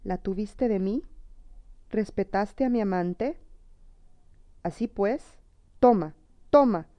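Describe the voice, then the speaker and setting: A woman's voice: medium pitch, takes it slowly, warm tone, no room sound, lightly acted. A woman voicing a cruel sorceress queen who whips her husband and wails for her lover in a storybook tale. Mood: vengeful. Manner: imploring, theatrical.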